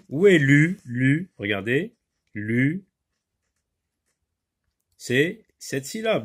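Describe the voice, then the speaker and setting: In a mid-range voice, a male teacher runs a classroom reading lesson, slowly sounding out syllables and repeating words with emphasis.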